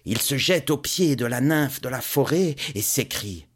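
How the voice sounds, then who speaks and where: A man telling a myth aloud in an expressive, measured storytelling voice. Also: mid-range voice, slightly rough. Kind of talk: storytelling narration. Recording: narration over guitar music.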